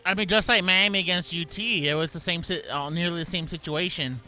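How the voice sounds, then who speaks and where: A man's voice: on the high side, fairly quick, sharp tone, soft background music. A man co-hosting a sports radio show, chatty, often restarting his sentences. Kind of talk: casual sports radio chat. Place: radio studio.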